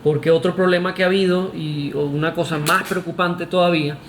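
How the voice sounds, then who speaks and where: A man's voice: on the high side, steady tone, fairly quick, reverberant, background noise. A Venezuelan man with a Venezuelan Spanish accent, giving an emphatic, argumentative opinion monologue to camera, with restarts and "este" fillers. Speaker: vlogger.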